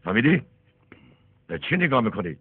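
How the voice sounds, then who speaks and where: A man's voice: medium pitch, sing-song, background noise, close to an everyday voice. A man doing a bossy insulting city guest. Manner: bossy, barking orders. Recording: tinny phone-like film dub with faint music.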